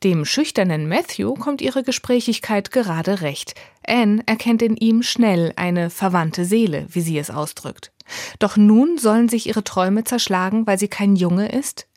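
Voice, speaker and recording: A woman's voice: mid-range voice, measured pace, a little mellow, no echo, clean studio sound. Woman presenting a scripted book review.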